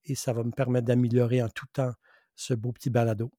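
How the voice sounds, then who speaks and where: Hosting his own podcast as a public speaking coach, a middle-aged western Canadian man whose first language is English talks earnestly and emphatically, repeating key phrases for weight. His voice is medium-pitched, level, and dark, fairly quick, captured in a dry, studio-quality recording.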